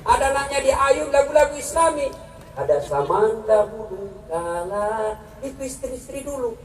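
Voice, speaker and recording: A man preaching a humorous sermon to a live audience, joking and acting out quarrels in high and low voices. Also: moderate pace, faint music behind. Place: large hall with a live audience. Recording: echoey, from far off, crowd and noise behind.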